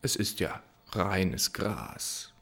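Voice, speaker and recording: A man voicing a sly young peasant lover in a low, slow, smug tone. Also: animated, vocal fry, a bit bright, slightly rough, exaggerated voice.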